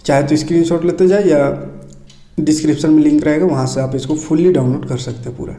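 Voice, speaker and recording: A man teaching a lesson, his voice set a little high but mellow and warm in tone. He takes each point in turn, stopping often to check that students are following. The recording has the noticeable echo of a bare room. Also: fairly even intonation, fast talker. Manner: explains item by item, repeats checks and tags. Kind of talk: casual screen-share lesson walkthrough. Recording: echoey room.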